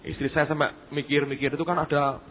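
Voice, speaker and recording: A male pastor tells a story from the pulpit in a chatty way, turning often to his listeners and letting pauses hang. His voice is fairly high and husky. The recording sounds thin and tinny, like a phone line. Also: little pitch movement. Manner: conversational, addresses listeners directly, dramatic pauses. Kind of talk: storytelling sermon.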